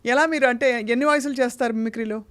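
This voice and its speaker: A woman's voice: a little high, steady tone, fast talker, a bit bright, clear, resonant tone. A woman interviewer asking questions in a respectful, encouraging way.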